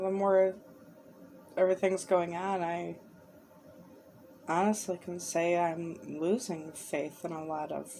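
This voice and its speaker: A woman hosting a spirit box session, talking in a rambling, halting, exasperated way as she addresses spirits. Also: on the low side, darkish tone, a little hiss or hum, poor audio.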